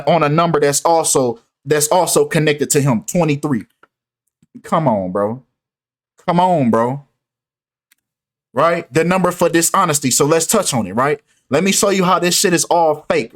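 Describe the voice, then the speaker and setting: A man talking in an animated, insistent way in a casual commentary video, often repeating "right?" and "come on, man". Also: on the high side.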